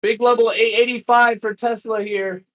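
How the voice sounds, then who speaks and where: A man in his late twenties hosts a live stock trading stream, chatting casually and rambling, his jokes trailing off into mumbles. His voice is very high, bright, level in tone and moderate in pace.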